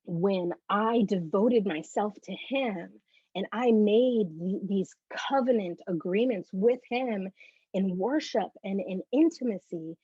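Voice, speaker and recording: A bubbly woman with a breathy, slightly husky voice recounts her faith testimony as an interview guest. She tells the story in an animated way. The recording is dry and a little dull, lo-fi. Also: mid-range voice, takes it slowly, no echo.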